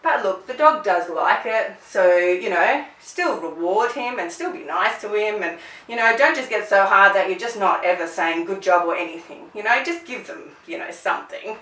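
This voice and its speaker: Bright-voiced woman dog trainer, roomy echo. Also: medium pitch, expressive, moderate pace, distant mic. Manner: conversational, checks in with frequent "right?"; acts out commands in sharp bursts. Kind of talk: instructional talk to clients.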